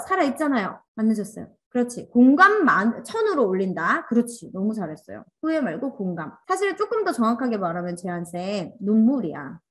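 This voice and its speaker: A woman teaching an online class with an expressive voice that swoops up and down. She speaks in a higher register, coaxing and cheering on her students and acting out little inner voices as she goes. Close, clean sound. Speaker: workshop instructor.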